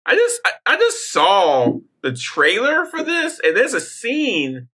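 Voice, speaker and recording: A man co-hosting a podcast in casual chat, animated and prone to restarts. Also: takes it slowly. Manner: animated, wide-ranging pitch, restarts often. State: hiccuping. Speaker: podcast co-host.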